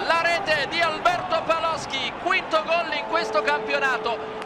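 A man doing live commentary on a football match. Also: very high-pitched. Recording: loud crowd, very noisy stadium.

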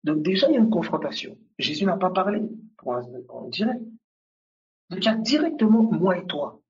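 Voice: medium pitch, very animated, normal speed, a little mellow, lo-fi sound, a little hiss or hum. A preacher giving a sermon, emphatic and repetitive, speaking straight to the listeners. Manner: emphatic, addresses listeners directly and repeats key points.

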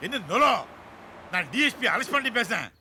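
An actor playing a trickster director who poses as a senior police officer on the phone, boastful and threatening. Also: male voice, very high-pitched, big pitch swings, brisk, heavy background noise. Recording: film soundtrack with very loud music. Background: loud background music.

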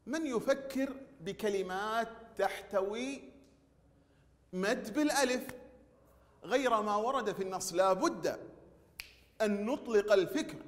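A man teaching a recorded language lesson, drawing out words slowly and praising the pupils. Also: high-pitched. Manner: slow drawn-out pronunciation drills with praise. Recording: long hall reverb.

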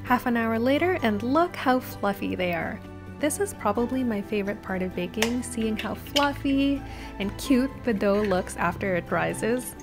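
A cooking channel host calmly narrates a baking recipe step by step as a voice-over, with music playing behind her. Her voice is on the high side and unhurried, her instructional delivery steady.

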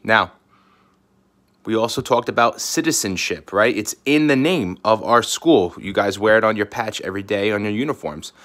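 A man's voice: fairly low pitch, normal speed, a bit bright. Upbeat male teacher talking to kids. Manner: upbeat, talks directly to children. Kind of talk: recorded online lesson.

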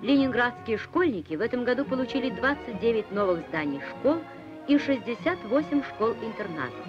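A woman's voice: on the high side, expressive, brisk. Woman narrating an old newsreel. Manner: solemn, declamatory. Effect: old newsreel soundtrack. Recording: dull lo-fi 1960s film soundtrack with music.

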